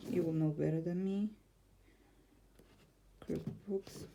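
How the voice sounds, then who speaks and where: This tarot vlogger from Argentina has a deep voice with vocal fry, a steady tone, and a slow pace. Chatting casually in an Argentine Spanish accent about her tarot decks, she laughs often. She's in a room at home with a noisy background and a neighbor's car outside.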